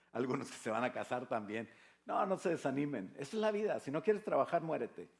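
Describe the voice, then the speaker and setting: A man's voice: medium pitch, very animated, moderate pace, creaky. An older man with a Mexican Spanish accent, a pastor preaching a sermon in a conversational way, with rhetorical questions and jokes. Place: church.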